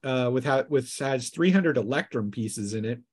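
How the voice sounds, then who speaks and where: A medium-pitched, slightly rough male voice belongs to a game master running a tabletop RPG. He's animated as he casually narrates scenes and makes rulings, sometimes stumbling a bit.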